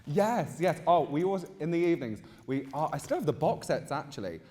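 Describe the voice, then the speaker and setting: A man's voice: a little high, big pitch swings, fairly quick, dark tone. A British man in his mid twenties with a chatty, campy, gushing manner, telling personal stories casually as an interview guest. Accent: British English. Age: mid 20s. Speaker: interviewed guest, drag queen gardener. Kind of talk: casual personal storytelling on stage. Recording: reverberant hall, live event sound.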